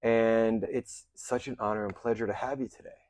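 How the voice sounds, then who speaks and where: A male podcast host with a low-pitched voice introduces his guest with hype and then keeps things moving with brief questions. The recording is close and dry, with no room sound. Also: fairly even intonation, moderate pace, darkish tone, no room sound. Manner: hype-man introductions, short questions and backchannels. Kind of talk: interview hosting. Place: podcast studio.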